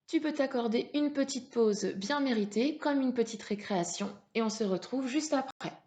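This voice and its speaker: A woman teacher leading a reading lesson for young children, slow and patient, sounding out syllables. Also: a little high, darkish tone. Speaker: primary school teacher.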